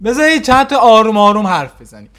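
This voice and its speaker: A man hosting a reaction video, teasing and mocking the clips he plays with quick sarcastic retorts. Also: sits high, lively intonation, noisy background. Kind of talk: casual mocking commentary.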